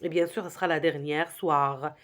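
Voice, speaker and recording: A woman teaching a reading lesson to young children, slowly sounding out words and repeating them for the class to echo. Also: low voice, steady tone.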